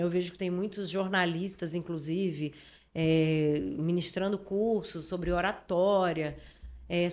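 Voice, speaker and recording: A woman journalist with a Brazilian Portuguese accent, explaining her views in a casual interview and often checking in with the listener. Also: lowish voice. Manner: explanatory, lots of filler tags and restarts. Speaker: journalist guest.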